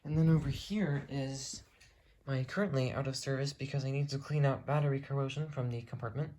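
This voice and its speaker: A hobbyist video creator films a casual, unscripted show-and-tell in a room at home, talking from behind a handheld camera. The mid-range voice is steady and warm, moving a little fast as they ramble and correct themselves.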